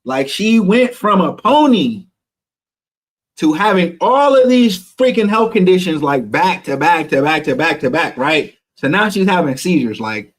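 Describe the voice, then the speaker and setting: A man's voice: on the high side, very animated, a little slow. Emotional man telling a personal story. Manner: emotional, candid, swears freely, addresses viewers as y'all. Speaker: vlogger.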